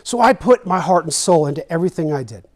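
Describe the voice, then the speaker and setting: A man's voice: on the high side, animated, quick pace. A middle-aged man from Texas, an educator telling a personal story in a presentation, earnest and emotional, repeating phrases for emphasis.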